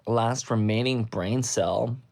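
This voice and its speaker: A man's voice: mid-range voice, takes it slowly, gravelly, a little mellow. A young man reading a piece of fanfiction aloud on a livestream, breaking off now and then to comment wryly on the text. He records at home on a phone mic. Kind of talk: reading a story aloud with asides.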